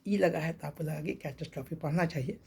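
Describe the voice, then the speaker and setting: A man teaching English pronunciation, repeating each word slowly and spelling letters out. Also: fairly high pitch, darkish tone. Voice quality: gravelly, husky. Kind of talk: pronunciation lesson.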